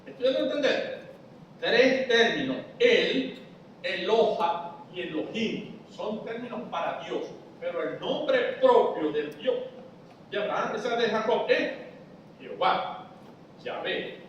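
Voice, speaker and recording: A high-pitched man speaks slowly from far off in a church hall full of echo. He explains step by step like a teacher and keeps asking the congregation whether they understand. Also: animated, lo-fi sound, slight background noise. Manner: explains step by step, asks the audience if they follow. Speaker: preacher teaching a Bible study. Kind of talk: church Bible study lesson. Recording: echoey church hall, voice from afar.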